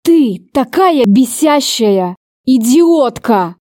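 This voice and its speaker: A woman reading an audiobook voices an angry, jealous young man in slow, low, clipped lines, recorded close and dry. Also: big pitch swings, dark tone, no echo. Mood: furious. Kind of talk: audiobook character voicing.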